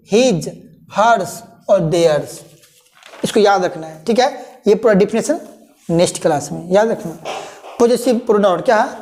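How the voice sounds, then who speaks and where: A woman teaching an English grammar lesson, repeating terms slowly and often checking that students understand. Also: medium pitch, darkish tone. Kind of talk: classroom lesson explaining pronouns.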